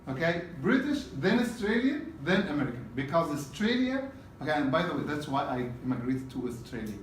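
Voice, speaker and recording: A man runs an exam preparation lesson at a brisk pace, his somewhat high voice sing-song and far from the mic. The room echoes and there's faint noise under the roomy recording. Speaking in loose bursts, he repeats things and keeps checking in with students by saying "okay?"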